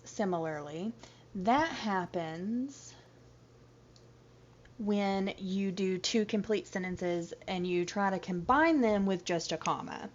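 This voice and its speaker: Chatty woman teacher. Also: medium pitch. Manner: chatty, explains step by step with examples. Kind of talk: recorded slide lecture. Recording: dull lo-fi audio.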